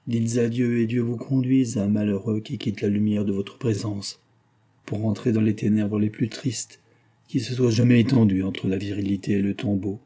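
A proud and brooding gentleman traveller in his forties speaks in a storybook reading, voiced by a man. The tone is grave and tormented, low in pitch and dark in colour. A husky edge runs under every line. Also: level tone, normal speed. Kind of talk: audiobook reading of a novel.

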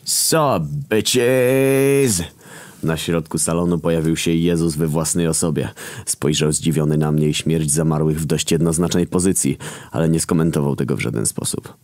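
A man narrating a scripted dark-comedy story in a deadpan, profane manner. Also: a bass voice, a little fast, no echo.

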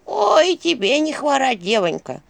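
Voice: sits high, wildly swooping pitch, a little slow, vocal fry, no echo, pitched above the performer's own voice, full character voice. A reader voicing a suspicious old village woman in a fairy tale, mumbling and bossy, with folksy speech. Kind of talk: audiobook character voice.

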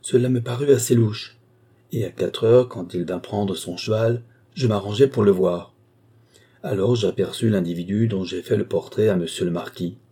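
A man's voice: on the low side, normal speed, warm tone, slightly rough. A man voicing a sly, deferential valet who talks ceremoniously and at length in an audiobook. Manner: long-winded, ceremonious. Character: adult male valet, sly, wordy, deferential.

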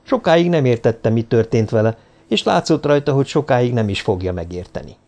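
Brief: male audiobook narrator, mid pitch, steady even delivery. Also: vocal fry.

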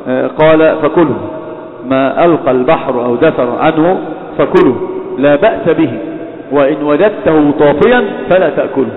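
A man delivers a religious lecture at a rapid clip, pausing often to correct himself. His voice sits a little high. It comes through a tinny, phone-like line with long hall reverb. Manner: frequent hesitations and self-corrections. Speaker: lecturer on hadith criticism.

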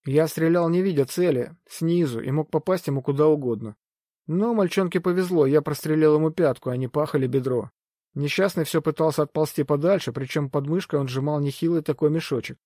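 A man reading first-person adventure fiction aloud as an audiobook narrator, steady and measured. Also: on the high side, no echo, clean studio sound.

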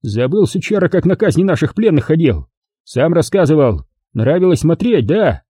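A man voicing a brutal, loud army brigade commander who talks harshly and threateningly in an audiobook. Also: fairly high pitch, big pitch swings, moderate pace, slightly rough, no room sound, clean studio sound, voice pushed up. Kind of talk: audiobook character voice.

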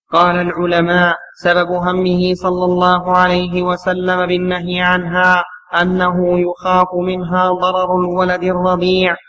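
A male student reading a written text aloud in class, in a steady recitation. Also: sits high, a little hiss or hum, rough recording.

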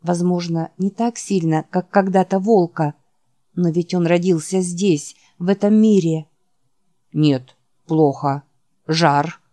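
Female audiobook narrator, lower register, dry studio sound, measured dramatic read. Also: steady tone, mellow, no echo.

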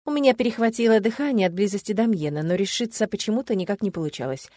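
A woman narrating a novel in the first person, in a steady audiobook reading style. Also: medium pitch, fast talker, no echo.

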